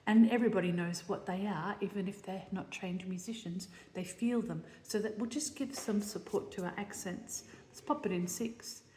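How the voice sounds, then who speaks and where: A composer teaches a lesson on setting words to music, thinking her ideas through aloud and often checking in with listeners. Her mid-range, slightly mellow voice has fairly even intonation at a normal speed with hardly any pauses, recorded in a roomy space with long reverb and slight hiss or hum.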